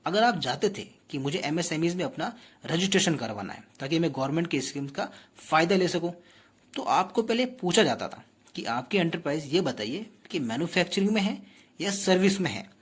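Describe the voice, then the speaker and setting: Male tutor with a slightly husky voice, explaining patiently and quizzing the class. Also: a little high, sing-song, a little fast. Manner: explanatory, addresses students directly with rhetorical questions. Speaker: teacher. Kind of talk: exam-prep lecture.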